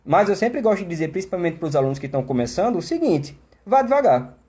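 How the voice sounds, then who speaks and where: A man's voice: high voice, animated, fast, a little mellow, husky. Chatty Brazilian male English teacher. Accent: Brazilian Portuguese. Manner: chatty, explanatory, many tag questions. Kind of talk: live online class.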